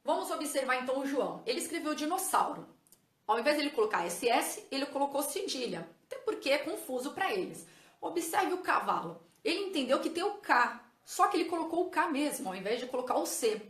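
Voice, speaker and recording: A woman teaches a lesson in a high, clear voice. She explains patiently and keeps checking that her viewers follow. The room around her rings with echo. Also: sing-song, brisk, a bit bright. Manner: patient, addresses viewers as "gente", checks with "ok?" and "tá vendo?". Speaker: teacher and educational psychologist. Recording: echoey room.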